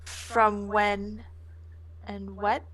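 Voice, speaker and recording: Medium-pitched woman playing a tabletop game. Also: little pitch movement, very slow, fairly bright tone. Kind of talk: casual role-play chat.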